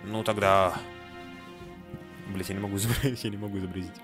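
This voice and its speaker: Low-voiced man in casual game commentary. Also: steady tone, quick pace. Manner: joking, swears casually, reads game text aloud. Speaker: gamer playing a video game. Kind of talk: casual let's-play commentary. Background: game music.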